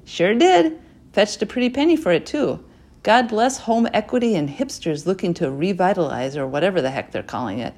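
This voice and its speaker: A woman voicing a spry, bossy grandmother who is proud and folksy, talking in a brisk, chatty drawl. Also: medium pitch, animated, a little mellow.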